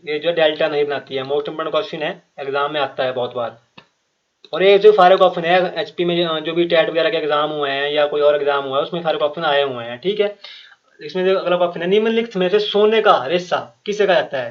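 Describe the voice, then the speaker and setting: A man's voice: fairly high pitch, steady tone, quick pace. Man explaining quiz answers, muffled recording. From Himachal Pradesh. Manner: reads each question and options aloud, repeats, then explains answer; frequent fillers and restarts, addresses viewers directly. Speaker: quiz teacher. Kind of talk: exam prep quiz lesson.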